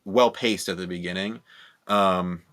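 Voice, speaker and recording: A man talking casually with friends about a film on a podcast, lively and full of quoted reactions. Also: low voice, unhurried. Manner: animated, talks in bursts with restarts and quoted reactions. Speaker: podcast co-host.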